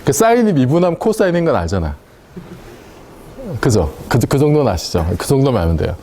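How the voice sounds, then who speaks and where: A man's voice: mid-range voice, very animated, a little fast, mellow, slight background noise. A man giving a university lecture in a casual, chatty way, often asking the class questions and laughing at his own points. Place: lecture room.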